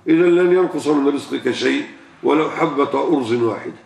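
An older Egyptian sheikh with a heavily gravelly, fry-laden voice delivers a religious question-and-answer sermon. He drives his points home with rhetorical questions and repeated words. He sits well back from the mic in a roomy, echoing space. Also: a little high, a little fast, darkish tone. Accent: Egyptian Arabic. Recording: echoey room, far from the mic.

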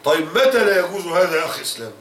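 A man's voice: sits high, animated, very fast, fairly bright tone, recorded from a distance. A man with an Egyptian accent preaching in a mosque, animatedly quizzing his listeners and mixing formal and everyday Arabic. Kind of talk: mosque sermon with questions to the congregation. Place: large mosque. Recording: roomy, from off mic.

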